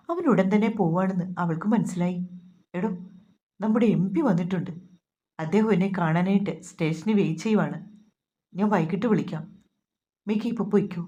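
A woman narrating a romantic novel, voicing every character's dialogue in a soft, even storytelling voice. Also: mid-range voice, lo-fi sound.

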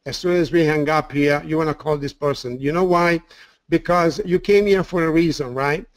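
A man's voice: a little high, normal speed, no echo. A man with an Italian accent giving an enthusiastic sales webinar presentation, often repeating words and using fillers.

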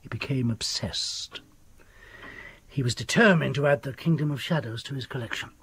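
Husky, haunted country doctor. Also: male voice, medium pitch, normal speed, fairly bright tone, no room sound. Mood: grave, ominous. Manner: urgent, ominous, formal. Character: desperate, frightened country doctor obsessed with the occult. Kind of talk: radio drama acting.

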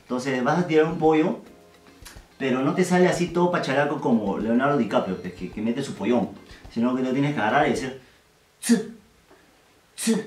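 A man's voice: medium pitch, a little mellow, recorded from a distance. Irreverent man teaching from off-mic. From Peru. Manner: irreverent and slangy, drills syllables slowly. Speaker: language teacher. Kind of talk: casual video lesson. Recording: roomy, off-mic sound with faint music.

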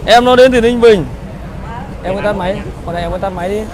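A man in his thirties with a northern Vietnamese accent gives a live street sales pitch as a motorbike dealer, in repetitive hawker-like patter. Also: fast, crowd noise. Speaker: used motorbike dealer, livestream host. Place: busy street outside a motorbike shop. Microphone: clip-on lapel mic. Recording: loud street traffic noise.

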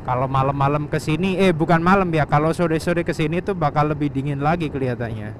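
Quick-paced and a little high, a man's voice comes from a Surabaya motovlogger chatting casually as he rides along a village road. He speaks in informal slang and names himself, with his motorbike engine, wind, road noise and passing traffic in the background.

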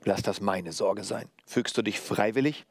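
A man voicing a stern, fearless old executioner who speaks in gruff commands. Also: lowish voice, normal speed, dry recording. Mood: commanding.

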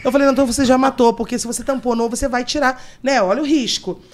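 Fast-talking woman explaining mortuary work. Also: sits high, fairly even intonation, a little hiss or hum. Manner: explains technical terms to listeners. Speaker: guest, mortuary and embalming instructor. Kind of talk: podcast storytelling.

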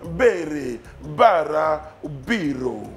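Animated high-voiced male game show host. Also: very slow. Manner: playful, joking, mock German accent. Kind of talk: lively TV game show hosting. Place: TV studio set. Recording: music playing behind. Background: music.

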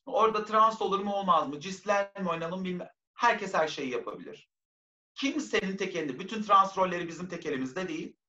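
A woman guest in an interview, telling anecdotes in an animated way. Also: on the low side, fairly quick. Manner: lively, acts out others' voices in anecdotes. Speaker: guest actress. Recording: roomy, dull lo-fi sound.

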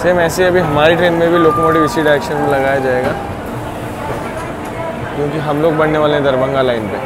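Young man, slightly high voice, chatty travel vlog, phone at arm's length, outdoor station platform, loud train noise. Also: steady tone, fairly quick. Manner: chatty, informative tour-guide tone. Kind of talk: casual travel vlog narration. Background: station crowd and trains.

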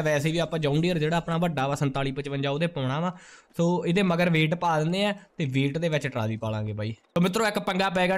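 A man, giving casual game commentary to viewers with chatty, hearty, slangy banter. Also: on the high side. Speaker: gaming video host. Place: indoor room, gaming setup.

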